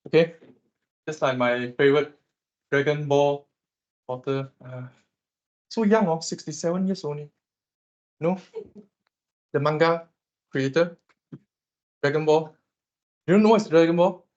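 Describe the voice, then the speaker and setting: Teasing Malaysian lecturer, lo-fi sound. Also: male voice, a little high, measured pace, long pauses. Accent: Malaysian English. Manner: animated, teasing, quizzes the class. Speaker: economics lecturer. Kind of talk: classroom lecture.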